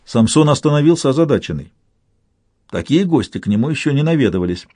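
Male audiobook narrator, steady expressive storytelling, mid pitch, dry close sound. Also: fast talker, dry recording.

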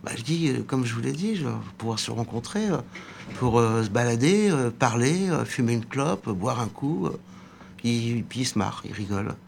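A man's voice: mid-range voice, normal speed, vocal fry, slight background noise. A man in his sixties, a radio interview guest and former bookseller, recounting an anecdote and acting out the dialogue. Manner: lively storytelling, acting out quoted dialogue.

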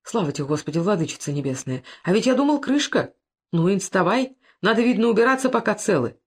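A gruff, sullen soldier, read by a woman, terse and plainspoken in his folk speech. He is a man of few words in a storybook reading. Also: mid-range voice, lively intonation, fast talker. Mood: anxious.

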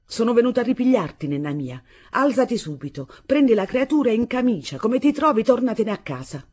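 A woman voicing a fierce, possessive middle-aged mother with a Neapolitan accent, loud and commanding in a husky voice. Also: medium pitch, animated, moderate pace, voice pushed up.

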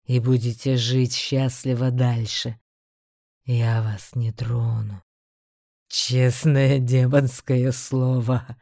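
A woman voicing a menacing, mocking male demon beast in an audiobook, drawing out his words in a slow growl. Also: extremely low pitch, flat delivery, gravelly, dark tone, no room sound, clean studio sound, pitched below the performer's own voice, heavily acted. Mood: sly. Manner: slow, drawn-out growling delivery. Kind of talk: audiobook character voice.

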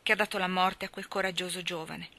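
A woman's voice: on the low side, steady tone, fast, sharp tone. A woman doing a matter-of-fact town lady. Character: gossiping townswoman, self-assured.

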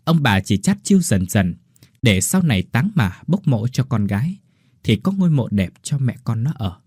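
Guy narrating a scary story, husky voice, lively swings, dry close sound. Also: mid-range voice, normal speed, dry recording. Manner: dramatic, expressive reading. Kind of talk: scripted horror story narration.

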